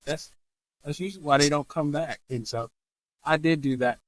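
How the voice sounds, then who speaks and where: A man's voice: on the high side, normal speed, no echo, rough recording. A man, a podcast guest on a remote call, telling his story casually in an interview and acting out the people he quotes. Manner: animated, acts out quoted voices.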